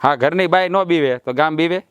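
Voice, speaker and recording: A man takes the role of a swaggering, blustering middle-aged village husband who boastfully swears to fix matters in a family drama. His slightly high voice is brisk, fairly bright, clear and resonant, and natural-sounding. There's no echo, though the audio is dull.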